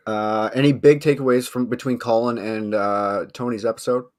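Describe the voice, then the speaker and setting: A man's voice: medium pitch, fairly even intonation, moderate pace, darkish tone. A man co-hosting a live golf podcast, talking in an easygoing way with hesitant fillers and the odd swear word. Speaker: podcast co-host. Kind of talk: casual chat.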